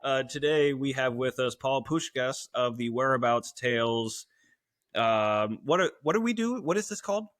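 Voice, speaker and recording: A man in his thirties hosting a podcast, joking and swearing with wacky high energy. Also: animated, moderate pace, fairly bright tone, no echo, clean studio sound. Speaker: podcast host. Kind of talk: casual podcast chat.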